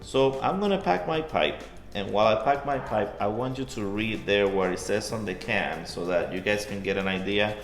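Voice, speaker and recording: A man co-hosts a pipe tobacco review, chatting casually and conversationally at a fairly low pitch and moderate pace with few pauses. The room is echoey, and music plays in the background.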